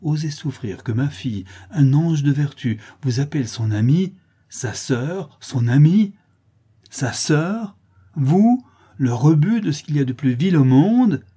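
A man's voice: on the low side, normal speed, dark tone, breathy edge. A man voicing a proud farm mistress and mother, exclaiming in indignation, for a storybook reading. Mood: indignant.

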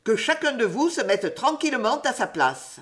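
A woman's voice: fairly high pitch, big pitch swings, moderate pace, fairly bright tone, pitched above the performer's own voice. A woman voicing a strict male schoolmaster who speaks harshly and commands the class. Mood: stern.

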